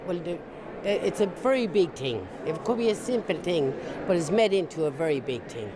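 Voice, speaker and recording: Older irish traveller woman, southern sounding accent, plain everyday talk, lots of people chattering behind. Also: fairly low pitch. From Northern Ireland. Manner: plain-spoken, colloquial. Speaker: Traveller community member. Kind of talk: personal testimony in a news interview. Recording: busy crowd chatter behind.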